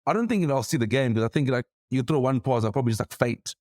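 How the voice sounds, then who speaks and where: Fast-talking excitable South African man. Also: medium pitch, no echo, clean studio sound. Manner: excitable, gushing, stumbling restarts. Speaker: podcast co-host. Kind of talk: casual chat.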